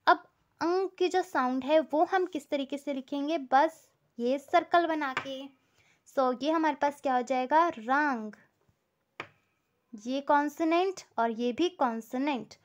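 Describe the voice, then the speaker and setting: A woman's voice: high-pitched, unhurried. A woman teaching a language step by step, patient and repeating each example.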